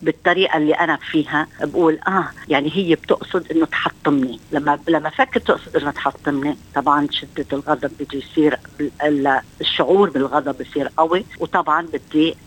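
A woman's voice: sits low, steady tone, quick pace, low-quality recording. A middle-aged woman with a Levantine Arabic accent, a social counselor explaining things in a radio interview, thinking aloud with many fillers and restarts.

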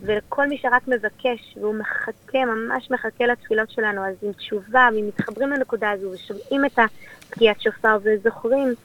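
Woman w israeli accent explaining stuff in a radio interview, kinda dull lo-fi audio. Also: fairly high pitch. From born in Australia, raised there and in Israel. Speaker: rabbi's wife and community leader, interview guest.

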